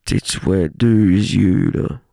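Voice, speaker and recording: A man's voice: sits low, takes it slowly, vocal fry, warm tone, no room sound, studio quality. A man with a Québécois accent, a radio host, delivering a surreal comic monologue in a playful, rambling way full of wordplay and restarts. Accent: Québécois French. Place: radio studio.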